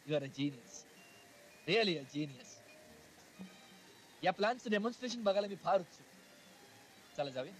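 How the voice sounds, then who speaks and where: Chairman type, high animated voice, faint noise behind. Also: unhurried, pauses often, faint music behind, rough recording. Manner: mixes English and Marathi.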